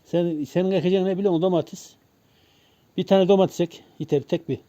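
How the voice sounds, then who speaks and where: Male vlog host, casual, very quick delivery, slightly high pitch, outdoors. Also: fairly even intonation, dark tone, dry recording. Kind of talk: casual chat. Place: outdoors in a garden. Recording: dull lo-fi outdoor recording.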